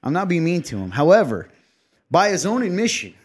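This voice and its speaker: A young man co-hosts a chatty podcast. His voice sits a little high and swings widely in pitch. He teases his friend and laughs easily. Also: fairly quick, slightly rough. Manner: animated, laughing, teasing. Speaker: podcast co-host. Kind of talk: casual chat.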